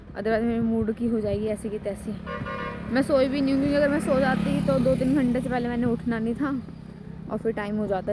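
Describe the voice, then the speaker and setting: A woman's voice: fairly high pitch, background noise. A young woman in her twenties vlogging in a rambling, conversational way. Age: 20s. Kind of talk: casual chatty vlog.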